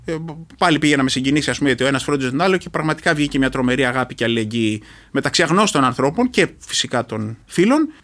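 A middle-aged man from Greece, an interview guest who served as a reserve commando, earnestly retelling a personal experience with halting restarts. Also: mid-range voice, lively intonation, a bit bright.

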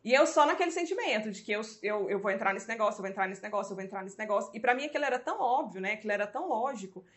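A woman's voice: mid-range voice, racing. A woman, a guest, telling her story conversationally and acting out the dialogue she quotes. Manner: animated, acts out quoted dialogue.

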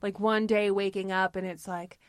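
A woman's voice: medium pitch, flat delivery, normal speed, clear, resonant tone, no echo. A woman co-hosting a podcast in casual chat, talking playfully and laughing often. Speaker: podcast co-host.

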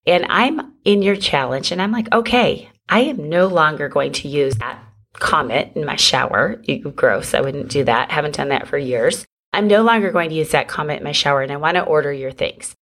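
Low-voiced chatty woman podcast host. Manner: chatty, encouraging, addresses listeners as friends. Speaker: podcast host and business coach. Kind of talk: solo podcast talk.

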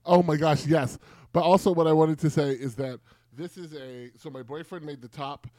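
A man's voice: on the high side, steady tone, moderate pace, dark tone, no room sound. A man co-hosting a podcast in casual chat, rambling with enthusiasm about his setup. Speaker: podcast co-host.

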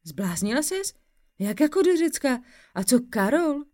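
Storybook best friend, young woman, brash and loud, high and excited, read by a woman narrator. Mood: shocked. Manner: blunt, exasperated, loud.

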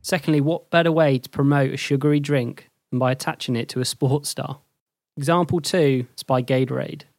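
A man delivers a scripted lesson in a measured, even voice. He sits at a middle pitch, and the sound is dry and close with no room around it. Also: gravelly, no echo. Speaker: host and lecturer. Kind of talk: scripted explanatory narration.

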